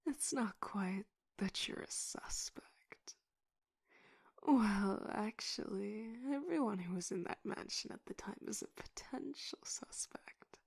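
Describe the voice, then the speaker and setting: A woman playing a stern, condescending tough-cop detective in an interrogation, in a whispered role-play with a breathy voice and slow, intimidating delivery. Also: mid-range voice, no echo, clean studio sound, full character voice. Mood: confident, condescending.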